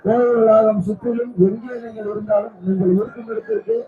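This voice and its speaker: A man making slow, repetitive safety announcements to a temple festival crowd through a loudspeaker, heard from a distance outdoors. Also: sits high, steady tone, phone-quality sound. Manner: slow, repetitive official warnings. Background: large crowd.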